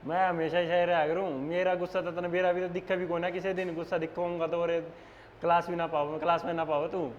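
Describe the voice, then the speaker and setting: Speaking briskly in a flat, fairly high voice, a young Haryanvi-accented teacher runs a nursing exam lecture full of casual banter, addressing his online students as "beta." The audio is muffled, with a long classroom reverb and faint background noise.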